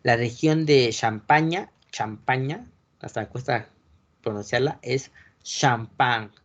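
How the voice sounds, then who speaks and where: In a muffled recording, a man with a Mexican Spanish accent teaches a wine course, speaking in a mid-range voice at a slightly slow pace. He breaks things down step by step and keeps asking whether the class is following.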